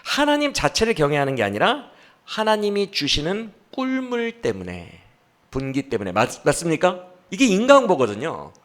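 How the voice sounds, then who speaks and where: A male pastor preaching a sermon at a church service, animated and asking the congregation questions as he acts out the speaker's complaints. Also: a little high, moderate pace.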